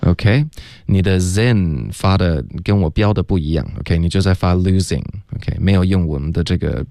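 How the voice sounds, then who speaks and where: Deep-voiced male pronunciation teacher. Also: moderate pace, creaky, dark tone, no room sound, studio quality. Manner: precise corrections, frequent "OK". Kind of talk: English pronunciation coaching. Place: radio studio.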